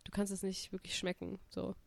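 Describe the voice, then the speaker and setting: A woman's voice: mid-range voice, completely flat delivery, a little fast, gravelly, no room sound. A young woman chatting casually as a podcast co-host, rambling and slangy, mildly sick with a stuffy nose. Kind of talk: casual chat.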